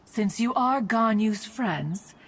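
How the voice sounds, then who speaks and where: Stately, pompous ancient immortal Cloud Retainer. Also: female voice, fairly high pitch, lively intonation, takes it slowly, slightly rough, heavily acted. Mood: fond, teasing. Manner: pompous, archaic formal diction, calls herself "one". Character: proud ancient female immortal mountain adeptus, stately, fondly meddling. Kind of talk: video game voice acting. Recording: music behind the voice.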